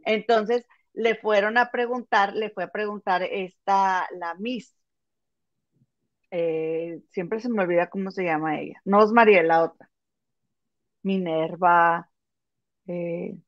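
A woman's voice: mid-range voice, fairly even intonation, slow pace, pauses often, dry recording, dull audio. A woman telling a story in a casual gossip chat with her friend, calling her comadre.

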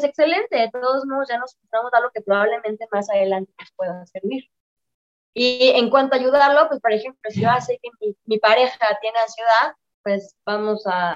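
A woman, calmly explaining and giving direct advice as the guest in an interview. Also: on the high side, normal speed, dull audio. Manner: calm, explanatory, gives direct advice to listeners. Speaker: guest expert on anxiety and depression.

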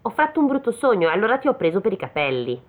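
A woman's voice: sing-song, rapid-fire. A woman voicing the devil's fussy, bossy old grandmother in a read-aloud fairy tale. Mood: wheedling. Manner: high, fussy scolding. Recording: phone-like narrow sound.

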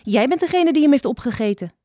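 A woman's voice: medium pitch, expressive, no echo, clean studio sound, close to an everyday voice. A woman voicing a cheeky, chattering songbird who pleads in a hurry. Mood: anxious. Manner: hurried, anxious pleading.

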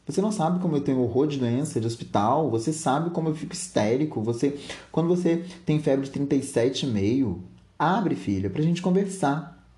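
A man voicing a short-tempered middle-aged father who shouts insults, then turns remorseful. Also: mid-range voice, animated, normal speed, echoey room, pitched above the performer's own voice, natural voice. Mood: remorseful coaxing.

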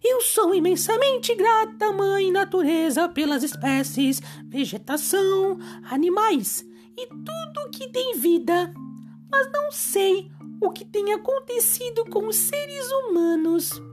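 Lady doing a sad sweet little mermaid for a kids story, very high, slow, polite pleading. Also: animated, music in the background, heavily acted. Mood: sad, grateful. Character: sad, sweet, grateful young mermaid, daughter of nature. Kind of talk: children's storybook acting.

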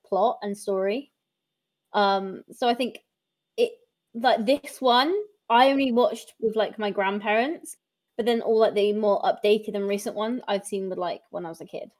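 This podcast host is a woman in her twenties whose mid-range voice has a slightly mellow quality. Chatting casually, she talks a lot, laughs frequently, and lets her sentences drift into fillers.

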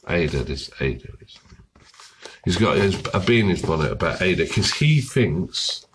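A hoarse man with a cold, chatting casually and summarizing a book, often losing his thread. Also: deep voice, expressive, normal speed, noisy background. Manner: rambling, loses his thread and restarts. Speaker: book vlogger.

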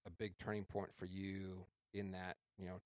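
A man hosts a podcast in relaxed chat, circling his questions with restarts and drawn-out phrases. His voice sits a little low. The recording is dry and close. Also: no room sound. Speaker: podcast host. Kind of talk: casual interview chat.

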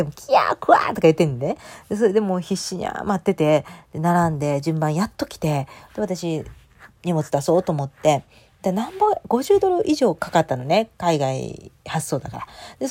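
A woman's voice: lowish voice, darkish tone. A woman in her thirties with a Kansai accent, telling a personal story in a chatty, emotional way with many fillers. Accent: Kansai Japanese. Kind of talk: casual storytelling monologue.

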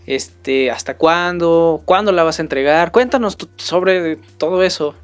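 A woman co-hosting a radio show, brisk and teasing, firing off questions. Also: lowish voice. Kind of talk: casual radio chat.

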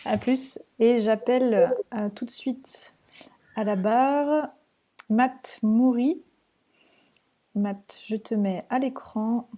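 A woman hosting a webinar, introducing the next speaker in a friendly, halting way, with fillers. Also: a little high, warm tone. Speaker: webinar host.

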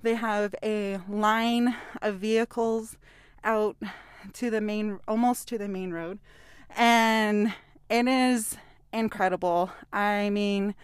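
A woman's voice: mid-range voice, smooth, no room sound, clean studio sound. A woman hosting a live podcast on location at an outdoor community event, upbeat and a little out of breath. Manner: enthusiastic, upbeat. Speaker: podcast host.

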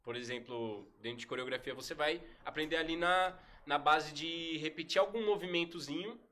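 A man tells stories at length in a relaxed, slangy podcast chat. His voice is bright and a little higher than most men's. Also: normal speed. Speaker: podcast guest, breakdancer. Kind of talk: casual storytelling.

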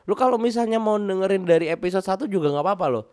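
A man co-hosting a podcast, relaxed and teasing, often trailing off. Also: sits high, racing, clean tone. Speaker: podcast co-host. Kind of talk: casual chat.

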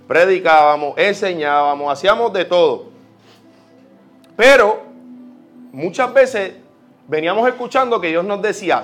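A man with a Puerto Rican accent preaching a sermon, telling personal stories with lively quoted prayers. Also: on the high side. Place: church.

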